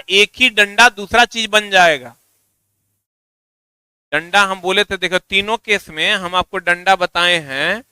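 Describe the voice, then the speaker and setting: A high, bright, piercing male voice, smooth and crisp, recorded dry and close. He teaches physics in a teasing way and drills his students with repeated chants. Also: no echo. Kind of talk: classroom physics lecture.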